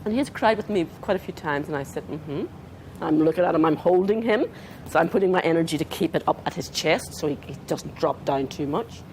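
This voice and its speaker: An Australian woman giving a conference talk as a trauma therapist, animated and acting out dialogue with clients. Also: low-pitched, quick pace, slight background noise. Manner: animated, acts out client dialogue, talks with her hands. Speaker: trauma therapist presenting to counsellors. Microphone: not handheld, clip-on.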